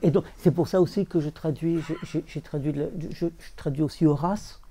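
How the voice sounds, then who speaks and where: A man talking as a literary translator before an audience, halting, repeating words and chanting verse rhythms. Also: on the high side, fairly even intonation, dark tone, slight background noise. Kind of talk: bookshop talk with audience.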